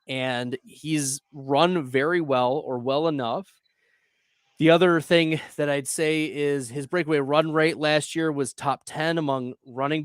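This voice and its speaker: A man hosting a casual fantasy football advice chat, upbeat and quick to laugh. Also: fairly high pitch, clear, resonant tone, no echo, studio quality. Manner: chatty, upbeat, laughs easily. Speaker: fantasy football show host.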